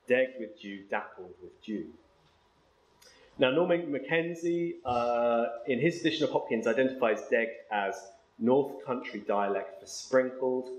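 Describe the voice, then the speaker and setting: A man giving an academic lecture, hesitating with ums and reading verse slowly and with care. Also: mid-range voice, roomy sound, poor audio. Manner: slow, measured reading of verse, then brisk explanation with ums.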